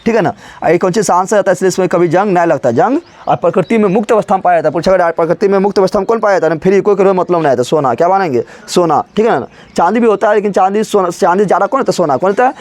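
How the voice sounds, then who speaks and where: Guy teaching chemistry, high voice, keeps asking the class stuff and acting out elements. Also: very fast, few pauses. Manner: animated, asks students constant questions, acts out elements as characters.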